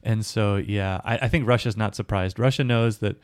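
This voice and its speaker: Low-voiced man explaining at length. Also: moderate pace, darkish tone, clean tone, no room sound. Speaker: podcast co-host. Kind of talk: casual discussion.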